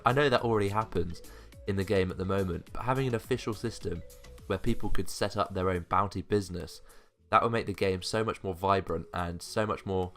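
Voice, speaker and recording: Male gaming YouTuber, low register, hopeful and keen countdown-list narration over a music bed. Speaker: gaming video creator. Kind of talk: top five countdown list commentary. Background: background music.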